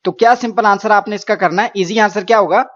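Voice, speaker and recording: A man from Pakistan teaching Quran reading in an online lesson, explaining patiently with English words mixed in and drawing syllables out slowly for students to repeat. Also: high voice, fairly even intonation, fairly bright tone, highs cut off. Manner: slow drawn-out syllables for repetition.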